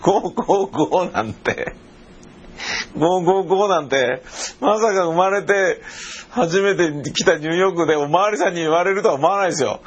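A man's voice: high voice, a little fast, slightly rough, lo-fi sound. A middle-aged man, a radio personality, telling a travel story in a casual monologue and acting out the voices he quotes. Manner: animated storyteller who acts out quoted voices.

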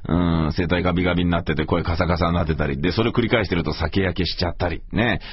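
A middle-aged man with a hoarse, gravelly voice, rambling casually and self-deprecatingly as he hosts a solo radio talk. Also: low voice, fairly even intonation, racing, no echo. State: morning hoarseness after heavy talking. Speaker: radio show host and voice performer. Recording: slightly dull, lo-fi audio.

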